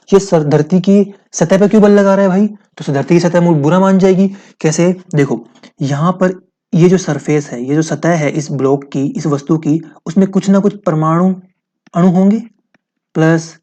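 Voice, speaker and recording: A man's voice: a little high, mellow, dull audio. A man teaching a physics lesson, explaining step by step, asking his students questions and repeating key points.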